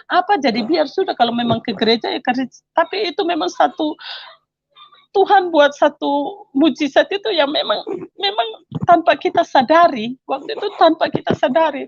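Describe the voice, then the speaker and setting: A woman's voice: sits high, no room sound, dull audio. A middle-aged woman telling her personal faith testimony in an earnest, emotional way, her voice rising and at times tearful. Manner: earnest, emotional, voice rising when praising God. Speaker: testimony speaker.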